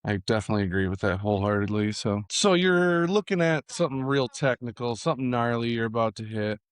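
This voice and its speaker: A man's voice: medium pitch, expressive, fast, clear, resonant tone, no room sound, studio quality. A man hosting a podcast, asking questions in an easygoing, casual way with hesitant restarts. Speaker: podcast host. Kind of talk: casual interview chat.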